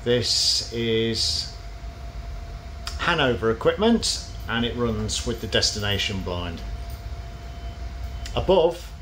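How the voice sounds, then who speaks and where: A man's voice: mid-range voice, animated, takes it slowly, long pauses, fairly bright tone. A man giving a casual, explanatory vlog commentary from inside a parked bus. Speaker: bus enthusiast presenting a video. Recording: noisy vehicle ambience.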